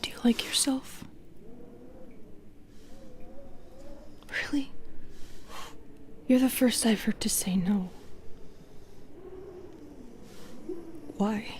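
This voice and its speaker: Hushed, lonely Medusa, acted by a woman. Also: fairly high pitch, close to an everyday voice. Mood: shy, self-loathing. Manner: hushed, halting, breathy half-whisper. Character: modern Medusa, lonely cursed woman, bitter yet gentle. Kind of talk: intimate audio roleplay acting.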